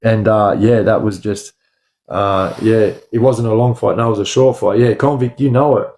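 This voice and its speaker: A man's voice: fairly low pitch, steady tone, normal speed, a little mellow. An Australian man chatting casually on a livestream in blunt street slang, rambling and repeating his phrases. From Sydney, Australia. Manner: slangy, blunt, often addressing listeners as bro or lad. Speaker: livestream host.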